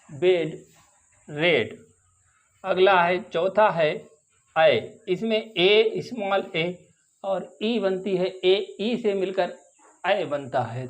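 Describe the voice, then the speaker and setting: A man teaching English vowel sounds, slowly repeating each example word. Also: high voice. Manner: slow, drawn-out, repeats example words. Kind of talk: phonics lesson.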